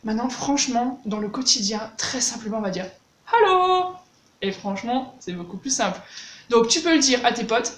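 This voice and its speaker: A woman's voice: on the high side, fairly quick. A woman giving a casual language lesson, chatty and demonstrating words with exaggerated pronunciation. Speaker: German language teacher. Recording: echoey room with faint hiss.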